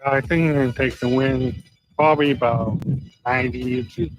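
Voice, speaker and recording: A man from Texas, a kayak angler answering interview questions haltingly, searching for his words. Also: medium pitch, steady tone, faint music behind, poor audio.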